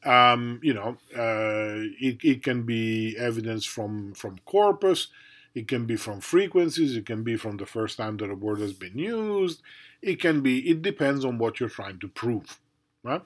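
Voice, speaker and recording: A man's voice: medium pitch, animated, unhurried, a bit bright. A middle-aged man lecturing as a university professor in a conversational way, with many fillers and tag questions. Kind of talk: recorded lecture.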